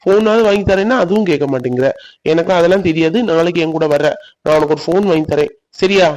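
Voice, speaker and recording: A hurt young man in a cartoon who sulks and then coaxes, voiced by a man. His voice sits a little high, and he pushes his point with insistent, pleading persistence. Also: quick pace, darkish tone, close to an everyday voice, poor audio. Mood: coaxing. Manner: sulky, pushy, coaxing. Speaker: cartoon voice actor. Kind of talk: animated village drama voicing.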